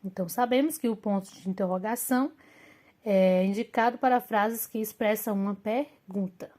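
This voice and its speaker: A woman teacher gives a remote lesson to young pupils, explaining slowly and deliberately and often adding "né" as she goes. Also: medium pitch, mellow. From Brazil. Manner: slow, deliberate explaining with fillers like "né".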